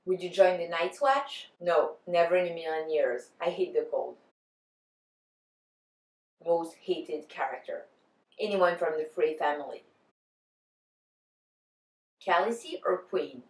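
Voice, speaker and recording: A woman's voice: on the low side, unhurried, pauses often, darkish tone. A woman vlogger giving semi-scripted talk to camera in an articulate, bookish way. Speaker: vlogger answering fan tag questions. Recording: echoey room.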